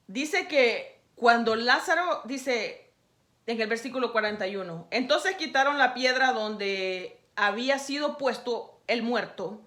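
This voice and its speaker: A woman preacher delivering a sermon. She speaks straight to the listener, exhorting and scolding. She swings from quiet, low stretches to loud, raised passages. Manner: emphatic, exhorting the listener directly.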